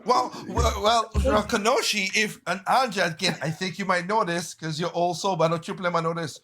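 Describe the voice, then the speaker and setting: A man in a casual group chat, telling stories in an animated way, swearing freely and often restarting his phrases. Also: sits high, fairly quick, crowd noise. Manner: animated storyteller, swears freely, exclaims loudly.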